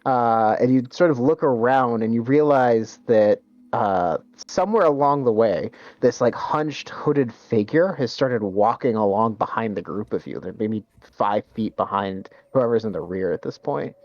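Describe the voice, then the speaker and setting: A man's voice: medium pitch, animated, measured pace, hardly any pauses, darkish tone, dry recording, lo-fi sound. A man narrating a tabletop game as game master, hesitant, with many fillers and restarts.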